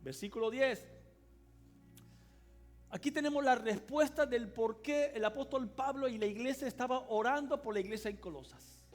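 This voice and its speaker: A man preaching a sermon as pastor of a church, emphatic, swinging between loud cries and quiet asides and calling on the congregation to answer aloud. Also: very high-pitched, normal speed, soft background music. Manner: calls on the congregation to respond aloud. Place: church service hall.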